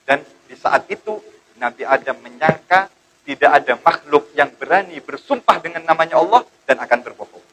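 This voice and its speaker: A male preacher telling a sermon story in an animated, dramatic way. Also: on the high side, moderate pace, a crowd in the background, rough recording.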